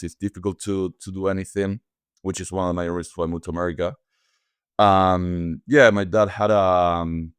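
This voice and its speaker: Guest, Argentine man with a Spanish accent, smooth voice, pauses for English words. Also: low-pitched, dry recording, clean studio sound. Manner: thoughtful, searches for English words. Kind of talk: casual podcast interview.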